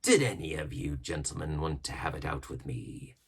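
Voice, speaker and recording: A man's voice: rumbling low, moderate pace, gravelly, slightly rough, exaggerated voice. A man voicing a fierce, swaggering old one-legged pirate cook who commands and threatens in a storybook reading. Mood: furious challenge. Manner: menacing, swaggering, uses old nautical slang. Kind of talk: storybook character voice.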